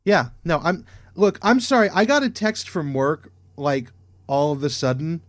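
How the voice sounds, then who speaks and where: A man's voice: on the high side, unhurried, dry recording, clean studio sound. Stammering, enthusiastic podcast co-host man. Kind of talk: casual chat.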